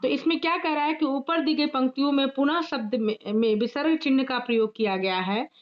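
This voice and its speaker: A woman teacher giving a grammar lesson to pupils, repeating key points slowly and addressing the class directly. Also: sits high, muffled recording. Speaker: school teacher.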